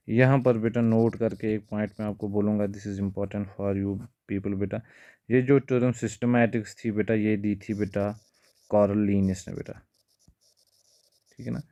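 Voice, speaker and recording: Flat-voiced low male biology tutor. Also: no echo, studio quality. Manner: keeps calling students "beta", mixes in English terms. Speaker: biology teacher. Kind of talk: exam-prep lecture.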